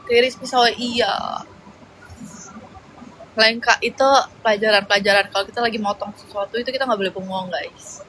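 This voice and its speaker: A woman's voice: medium pitch, steady tone, normal speed, fairly bright tone, slight background noise, rough recording. A young woman chatting casually on a livestream, reading out viewer comments and rambling with slangy fillers.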